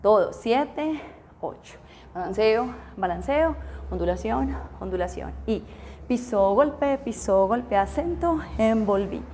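A woman with a slightly high voice runs a belly dance lesson, counting beats and calling out steps as she demonstrates. She keeps asking if her students are ready, and there is a faint hiss of background noise under her voice. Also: lively intonation, takes it slowly, mellow. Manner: counts beats aloud, checks in with "¿listo?". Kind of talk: dance class instruction with counting.

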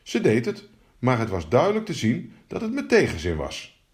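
A man reading a fairy tale aloud in an expressive, animated storytelling manner. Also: mid-range voice, moderate pace.

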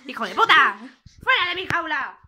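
A woman's voice: a little high, lively intonation, fast, crowd noise, lightly acted. A woman with a Spain Spanish accent voicing a foul-mouthed, territorial male pet bird who swears and threatens. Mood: furious.

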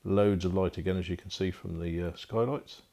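A man's voice: low voice, fairly even intonation, normal speed, gravelly, warm tone. A man giving a casual walkthrough tour of a barge interior as a boat broker, talking off the cuff with frequent fillers, recorded on a handheld phone inside wooden cabins.

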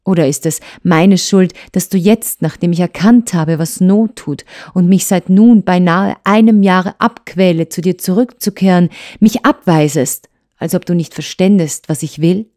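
A woman voicing a hurt young wife who pleads and reproaches her husband with urgency, in a mellow tone. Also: lowish voice, a little slow. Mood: reproachful.

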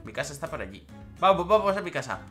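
A young woman chatters through her gameplay commentary, often repeating her words. Her pitch swoops widely and her tone is bright and sharp. Faint game music plays underneath. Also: very animated, fast talker. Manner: chatty, repeats phrases, bursts into squeals and laughs. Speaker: gaming YouTuber.

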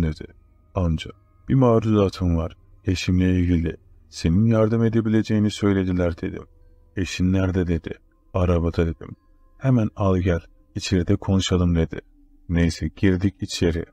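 A man narrating a first-person horror story in a measured, steady way. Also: low-pitched, no echo.

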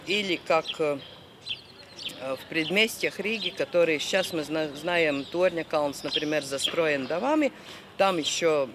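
Halting low-voiced woman in noisy courtyard. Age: middle-aged. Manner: halting, searching for words. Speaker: film centre representative, interviewee. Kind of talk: spontaneous interview. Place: outdoor courtyard garden. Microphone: handheld reporter's microphone. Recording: noisy outdoor city ambience.

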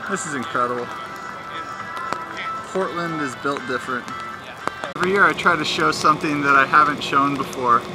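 A man narrating a casual vlog while walking around a rainy race course, chatty and joking, filmed on a handheld camera mic. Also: on the high side. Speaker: filmmaker documenting a race. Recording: noisy outdoor ambience with traffic.

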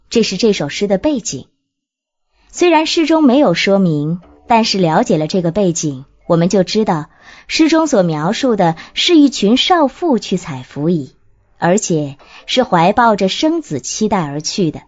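A woman narrates a book on classical poetry with an expressive, lively voice that rises and falls widely. She reads a scripted text and poses rhetorical questions to the listener. The recording sounds dull and lo-fi, with a muffled top end. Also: medium pitch. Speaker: audiobook narrator.

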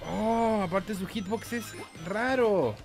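This man, a gaming YouTuber with a Chilean Spanish accent, speaks slowly in a high-pitched voice. His gameplay commentary is casual and playful, packed with jokes, swearing, singsong and silly noises, with video game music in the background.

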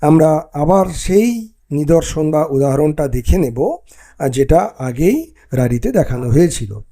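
A male teacher giving a recorded exam-prep lesson, explaining step by step and often pausing with "ah" between points. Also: a little high, animated, mellow.

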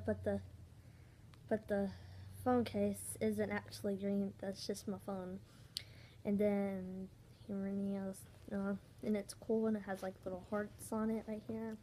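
A young girl, the host's friend, showing her purchases in a casual bedroom video, halting and repeating words as she talks. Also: medium pitch, little pitch movement, dark tone, a little hiss or hum. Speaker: guest friend. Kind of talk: casual haul video chat. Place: small bedroom indoors. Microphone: phone camera held nearby.

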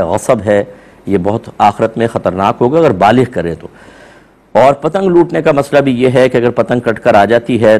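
A man's voice: medium pitch, darkish tone. A male Islamic scholar with a sore throat, earnestly explaining religious rulings in answer to questions. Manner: earnest explanatory tone, voice jumps up when quoting people. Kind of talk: religious Q&A talk.

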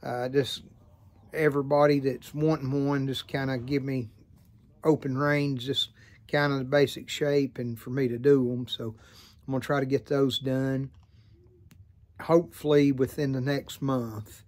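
A middle-aged man with an American Southern accent chats casually to camera outdoors. His pitch is average for a man. He rambles in a folksy, unhurried way, like a hobbyist vlogger catching viewers up. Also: level tone, a little mellow. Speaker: vlogger and hobby pipe maker. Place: outdoors by a farm field.

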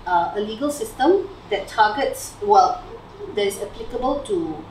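In a living room with a slide on the TV, a young Malaysian woman speaking Malaysian English tells friends about her PhD research in a chatty, informal way, with lots of fillers and phrases ending in "lah" and "right?". She has a medium pitch, animated, at a moderate pace. Audio comes from a distant camera across the room, roomy with faint hiss.

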